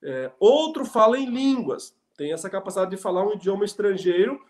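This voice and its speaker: A man's voice: sits high, animated, fairly quick. A man preaching and teaching from the Bible, explaining verse by verse, often asking rhetorical questions.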